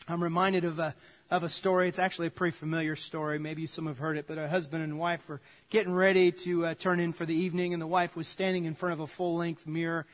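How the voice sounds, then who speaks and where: A man with a high, light voice preaches in a sanctuary, and the sound rings out with a long church reverb. He keeps it conversational, drifting into jokes and everyday stories as he talks to the congregation. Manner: conversational, jokey storytelling to the congregation. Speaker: pastor. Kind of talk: sermon.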